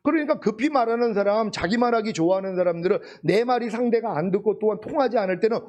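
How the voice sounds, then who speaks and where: A man's voice: sits high, quick pace, darkish tone. A man preaching a sermon, asking the congregation rhetorical questions and driving each point home with emphatic repetition. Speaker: pastor.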